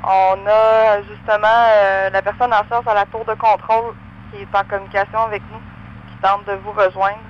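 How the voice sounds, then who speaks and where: A woman's voice: mid-range voice, flat delivery, normal speed. A woman with a Quebec French accent working as an emergency dispatcher, speaking in clipped procedural phrases over two-way radio. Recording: muffled emergency radio with faint noise.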